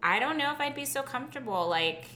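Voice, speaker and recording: A woman's voice: sits high, lively intonation, quick pace, pushed and bright, echoey room, slight background noise. Woman playing a bubbly, chatty talk-show co-host. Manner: chatty, peppers speech with "like". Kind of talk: improvised comedy chat.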